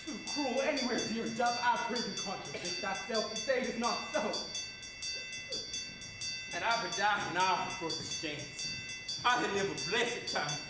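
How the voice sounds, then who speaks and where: A man's voice: high voice, normal speed, loud music behind the voice, natural voice. A man playing a grave Shakespearean lord who feigns grief, with hammy, declamatory delivery. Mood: theatrical grief. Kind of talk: Shakespearean stage acting. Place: indoor stage performance. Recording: very echoey hall, distant microphone, faint noise.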